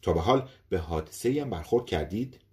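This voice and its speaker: A man voicing a calm husband who reassures his wife, in an audiobook story. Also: sits low. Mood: polite.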